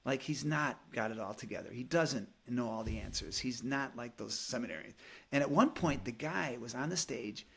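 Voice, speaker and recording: Gravelly, animated storytelling priest. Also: male voice, mid-range voice, moderate pace. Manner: animated storyteller, acts out quotes. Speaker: podcast guest, Franciscan priest. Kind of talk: casual storytelling chat.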